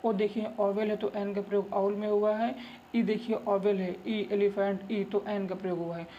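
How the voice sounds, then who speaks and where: A man's voice: sits high, level tone, normal speed, muffled recording, a little hiss or hum. A man teaching an English grammar lesson, repeating his points and coaxing his students along with fond asides. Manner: repetitive, coaxing, keeps saying "look" and "okay"; calls students "babu" affectionately. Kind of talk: tutorial lesson.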